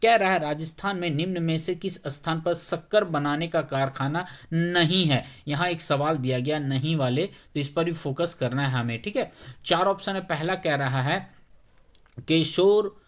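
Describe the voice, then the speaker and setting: A male teacher, a little under the weather, talking slowly through exam questions in a conversational way and often checking whether students follow. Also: fairly high pitch, fairly bright tone. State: slightly unwell, speaking slowly.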